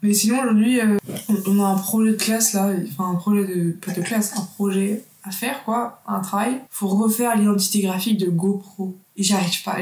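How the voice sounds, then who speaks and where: Student vlogger, woman in her 20s, casual rambling chat with lots of self-corrections, mid-pitched, echoey room. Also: a little mellow. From France.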